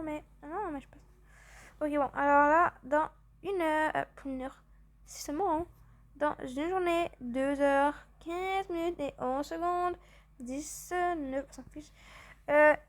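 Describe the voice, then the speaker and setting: A woman chatting through gameplay commentary, rambling and excitable, a little tired from just waking up. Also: high-pitched. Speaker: gaming channel host.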